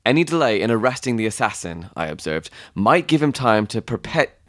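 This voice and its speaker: A man's voice: mid-range voice, big pitch swings, brisk. A man co-hosting a read-aloud book podcast, joking and giggling through outtakes and tripping over words. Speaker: podcast co-host and reader. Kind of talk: casual outtakes banter while reading a book aloud.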